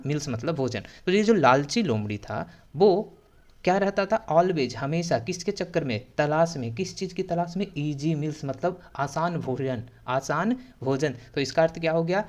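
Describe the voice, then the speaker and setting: A man with a slightly higher voice teaches English in Hindi. He stretches out each English phrase slowly and then hurries through the explanation, checking in often with his students. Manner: repetitive, checking in with "theek hai".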